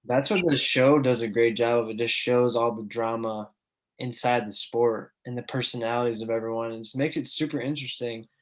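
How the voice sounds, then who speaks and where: A young man co-hosting a casual podcast. He sounds earnest and enthusiastic, with an ordinary middle-pitched voice and a relaxed, conversational flow. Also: brisk. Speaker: podcast co-host.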